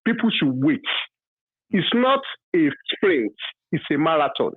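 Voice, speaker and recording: A man in his fifties from Nigeria with a Yoruba accent, calling in to a radio talk show to give his opinion, halting and full of fillers, then emphatic. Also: fairly high pitch, big pitch swings, husky, no echo. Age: 50s. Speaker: caller. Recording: dry tinny phone line.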